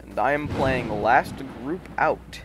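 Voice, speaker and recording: A man's voice: medium pitch, takes it slowly, faint music behind. A young man streaming a game with friends, casual and exasperated, swearing often. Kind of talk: casual gameplay chat with friends.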